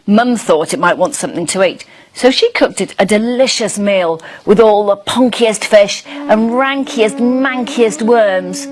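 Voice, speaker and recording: A woman voices a young schoolchild dragon, curious and friendly, who narrates a storybook with wide-eyed, expressive emphasis. It's lightly acted at a medium pitch and a slightly slow pace, sounding eager and puzzled.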